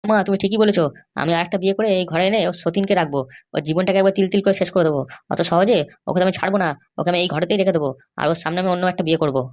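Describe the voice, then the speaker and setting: Brief: a woman playing an angry cartoon husband, rapid-fire threats, mid-pitched. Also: close to an everyday voice. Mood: resentful. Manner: angry, threatening, shouting insults. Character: hot-tempered threatening young husband, Kittu. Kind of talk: cartoon voice acting.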